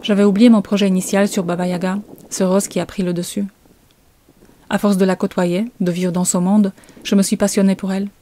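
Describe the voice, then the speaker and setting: A woman's voice: mid-range voice, level tone, brisk, dark tone. A woman, telling a suspenseful first-person story as a comic author. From Poland.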